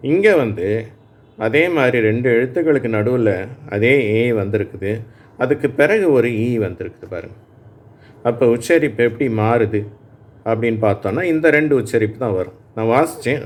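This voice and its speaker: A man's voice: mid-range voice, expressive. A man teaching English phonics in Tamil, saying words aloud for learners to repeat and often checking that they follow. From Tamil Nadu, India. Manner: explains slowly, checking in with "சரியா?". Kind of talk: Tamil-language phonics lesson.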